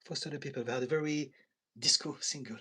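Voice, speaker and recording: A French man talks fast in a steady, medium-pitched, slightly rough voice with a French accent while live streaming from his home in London. He's a tired therapist from France, chatty and quick to laugh, reading out viewer comments with soft asides.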